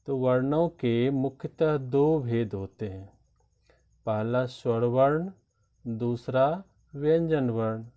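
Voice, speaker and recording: A man teaching a Hindi grammar lesson to children, slow and patient, spelling out each sound one by one. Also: medium pitch. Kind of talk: classroom lesson explaining grammar. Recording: dull lo-fi sound.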